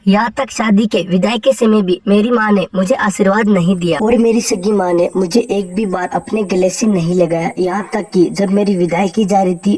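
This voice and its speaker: A woman voicing a gentle, humble young daughter-in-law in a cartoon story, speaking softly. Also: on the high side, no echo, lightly acted. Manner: soft, pleading.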